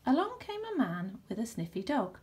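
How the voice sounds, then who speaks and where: A woman reading a children's picture book aloud in an expressive, animated way. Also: a little high, moderate pace, slight background noise. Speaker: storybook reader. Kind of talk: children's story read-aloud.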